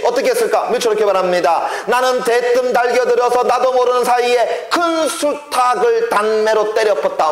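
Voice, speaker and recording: Male teacher, exam-prep lecture, lively swooping delivery, asks and answers his own questions, echoey room. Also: fairly high pitch. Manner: asks questions and answers them himself, checking understanding; playful, acts out quotes. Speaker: literature teacher. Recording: roomy echo.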